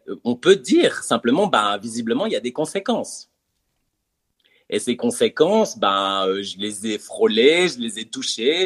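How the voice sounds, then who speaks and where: Man, husky voice, reflective, hesitant, casual conversation. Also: lowish voice, fairly bright tone.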